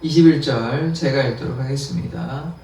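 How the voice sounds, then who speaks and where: A man's voice: mid-range voice, moderate pace, darkish tone. A man pastor giving an early-morning sermon, explaining scripture in plain words and acting out the quotes with a laugh. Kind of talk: dawn prayer sermon. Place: church sanctuary. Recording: echoey, distant church recording.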